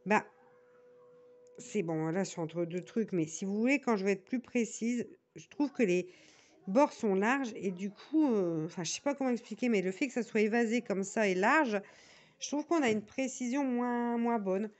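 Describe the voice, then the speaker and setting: Woman vlogger, northern French accent, mid-pitched, loose chatty tutorial delivery with asides and restarts. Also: moderate pace. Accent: northern French (Nord). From northern France. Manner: rambling, many fillers and restarts, chatty asides. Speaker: diamond painting vlogger. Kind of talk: casual tutorial chat to viewers.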